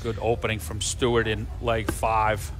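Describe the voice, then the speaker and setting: A man's voice: on the low side, monotone, moderate pace, over music. A man giving live sports commentary on a darts match.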